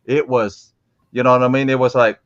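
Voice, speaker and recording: A man's voice: mid-range voice, flat delivery, fairly quick, fairly bright tone, muffled recording. A young adult man from Florida, a guest in a casual interview, talking in a rambling way full of restarts and fillers. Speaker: interviewed guest, comic collector.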